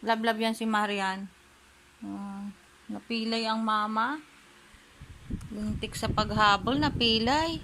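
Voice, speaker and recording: A woman vlogging at home, scolding and teasing her pet with repeated sharp questions. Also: fairly high pitch, a little hiss or hum, poor audio. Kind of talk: casual home vlog, talking to a pet.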